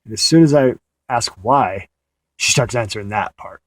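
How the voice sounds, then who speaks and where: A man's voice: fairly low pitch, normal speed, no echo. A man recounting a dream in a casual, meandering way, often restarting his sentences, sitting in a parked car at night. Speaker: audio diarist.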